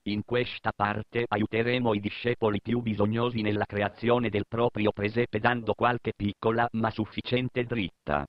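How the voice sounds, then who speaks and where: A man's voice: lowish voice, flat delivery, moderate pace, few pauses, dry recording. A man with a Sardinian accent narrating a scripted comedy course as a mock instructor, peppered with profane cursing. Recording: dull, lo-fi dry recording.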